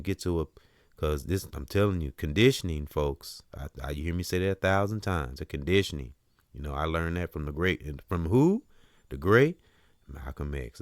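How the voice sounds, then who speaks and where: A man's voice: low voice, no room sound, clean studio sound. A man hosting a show, talking earnestly in a preachy, spiritual way and dropping "you know" often. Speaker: host. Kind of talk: spiritual talk-show monologue.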